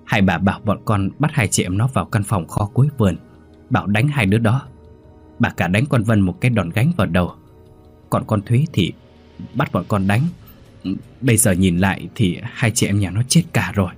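A man voicing a frightened young male servant who stammers, in a husky voice a little above his own. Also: on the low side, normal speed, soft background music. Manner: stammering, fearful.

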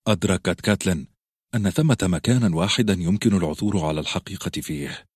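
Brief: male audiobook reader, lower register, dry studio sound. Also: fast talker, slightly rough, no room sound. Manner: steady storytelling. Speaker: audiobook narrator. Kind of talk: scripted narration.

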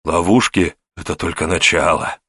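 A man's voice: sits low, steady tone, normal speed, bright, forceful tone, husky, no echo, studio quality, heavily acted. A man muttering as a sly beaten captive. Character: battered male captive, mocking and sly. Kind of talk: audiobook character voice.

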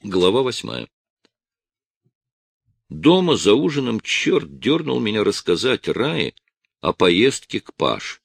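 Deep gravelly man reading an audiobook. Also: sing-song, slow, pauses often, dry recording. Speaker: audiobook narrator. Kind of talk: first-person audiobook reading.

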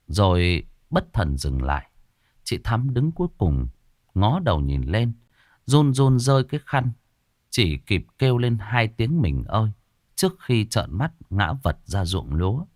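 A man's voice: lowish voice, very animated, unhurried, darkish tone, no echo, studio quality. Dramatic male ghost-story narrator. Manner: dramatic storytelling, varied delivery.

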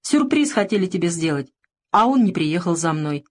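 A woman's voice: fairly low pitch, very animated, moderate pace. A woman reading the lines of a young male soldier calling weakly from a hospital bed, in an audiobook. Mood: friendly. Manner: weak, friendly.

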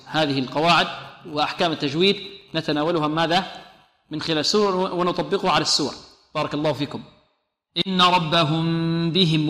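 Bright-voiced man teaching Quran recitation in an echoey hall. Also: fairly high pitch. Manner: explains rules, then chants verses slowly for students to repeat. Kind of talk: tajweed lesson with chanted recitation.

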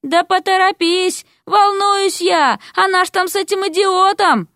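A woman voicing Yaga, an old witch who is bossy and fussing, in a brisk, scolding manner. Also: very high voice, fairly bright tone, dry recording, clean studio sound, pitched above the performer's own voice, heavily acted.

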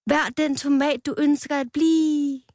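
A woman voicing a small chewing-gum figure who makes high, drawn-out proclamations. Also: darkish tone, no echo, clean studio sound, lightly acted. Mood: hopeful. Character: small hopeful piece of chewing gum, boy-like.

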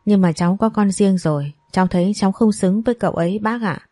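A woman's voice: medium pitch, fast talker, warm tone, no echo, faint music behind, natural voice. A woman voicing a humble, hesitant young mother. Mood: modest. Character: modest young single mother.

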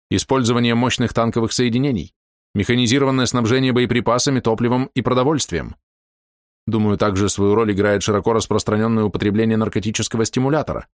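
A man's voice: mid-range voice, no room sound, voice pushed up, close to an everyday voice. Man voicing an elderly marshal, audiobook, formal lecturing tone, dry close mic. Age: older.

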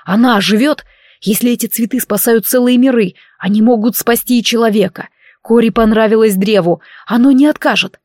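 A desperate young mage, read by a woman narrator, his lines rushed and urgent. The voice stays close to her own, dry and near the mic. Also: a little high, a little mellow, no echo, natural voice. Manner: urgent, hurried pleading. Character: desperate young male mage, devoted lover.

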